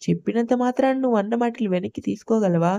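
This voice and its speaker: A woman voicing a hurt young wife who holds back tears, speaking softly and in a subdued way. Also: a little high, fast talker, creaky, no echo. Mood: reproachful. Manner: soft and subdued.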